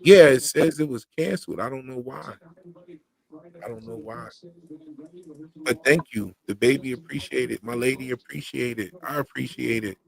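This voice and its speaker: Over a low-quality recording, a man speaks at a moderate pace in a medium-pitched, gravelly voice. He is the host of his YouTube channel's livestream, chatting in slangy, loosely rhythmic fashion, and says he once had a heavy stutter.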